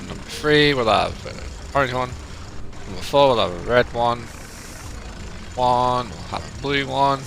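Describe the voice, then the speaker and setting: With long pauses and a little slowness, the English game streamer from Lancashire chats casually and reads viewer chat aloud, his nose stuffed with a cold. His mid-range voice carries vocal fry and a fairly bright tone, over slight background noise and poor audio.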